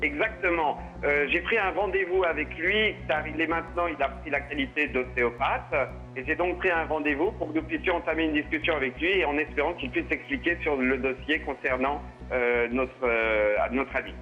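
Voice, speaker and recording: Bright-voiced male field reporter. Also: fairly high pitch, normal speed, highs cut off, faint music behind. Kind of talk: live report.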